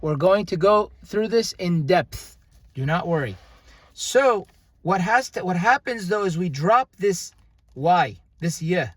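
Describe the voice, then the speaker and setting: A man's voice: high voice, lively intonation, no room sound. A young man teaching a casual grammar lesson, explaining unhurriedly with frequent fillers and restarts. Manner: unhurried, halting, with many fillers. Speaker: language teacher.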